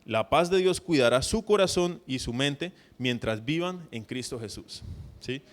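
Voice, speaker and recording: A man's voice: mid-range voice, lively intonation, measured pace. A man preaching a sermon as a pastor, talking conversationally and constantly checking in with his listeners. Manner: acts out mock prayers in a put-on voice.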